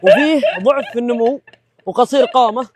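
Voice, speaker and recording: A man's voice: very high voice, brisk, a little hiss or hum. A man explaining something casually in short phrases.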